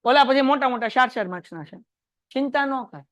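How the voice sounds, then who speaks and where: A male teacher lectures a class on math in a chatty, quizzing way. His voice sits notably high for a man. The sound is dry and close, with little room echo. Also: animated, fairly quick, fairly bright tone. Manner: chatty, quizzes students and tells anecdotes. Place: classroom with students.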